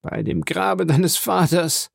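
A man's voice: a little high, sing-song, unhurried, creaky, darkish tone, breathy edge, dry recording, clean studio sound, pitched above the performer's own voice, exaggerated voice. A man voicing a dying, bitter man who cries out in anguish, reading an audiobook. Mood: bewildered.

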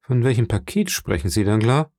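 A man reading the part of a hearty middle-aged shipowner in an audiobook, lively and confiding. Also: mid-range voice, a little fast, no echo, clean studio sound.

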